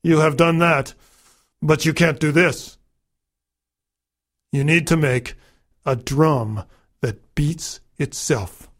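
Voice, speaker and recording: Cruel overlord voiced by a man, low, slow, scowling, menacing, folktale. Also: fairly bright tone.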